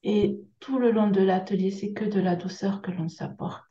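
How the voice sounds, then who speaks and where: A woman from France with a southern French accent, speaking gently and haltingly as a guest on a video-call interview, with many pauses and fillers. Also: medium pitch, steady tone, echoey room, lo-fi sound. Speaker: guest workshop leader. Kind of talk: hesitant conversational interview.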